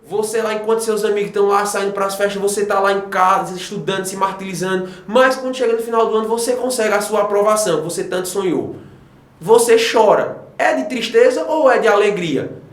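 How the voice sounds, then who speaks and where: A Brazilian man teaching an English grammar lesson, animated and often checking in with his students. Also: high-pitched, fairly quick, reverberant. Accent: Brazilian Portuguese. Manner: animated, addresses students directly with frequent checks. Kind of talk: classroom lesson explaining grammar.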